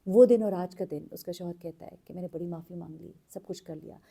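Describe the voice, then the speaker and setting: A woman narrating a true story in an earnest, unhurried way, pausing with fillers as she goes. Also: lowish voice, steady tone, creaky, warm tone, husky. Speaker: storyteller host.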